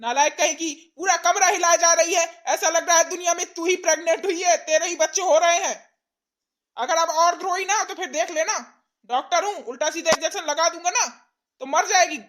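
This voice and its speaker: A woman's voice: sits high, lively intonation, normal speed, a bit bright, soft background music. A woman voicing a brusque, rude male village doctor who scolds impatiently in a cartoon comedy. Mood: scolding.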